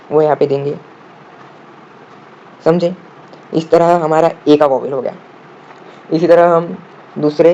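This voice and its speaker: Mellow man teaching shorthand. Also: fairly high pitch. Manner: asks the viewer questions, then answers them himself; spells out words slowly, letter by letter. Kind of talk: step-by-step classroom explanation. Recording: dull lo-fi audio with faint room noise.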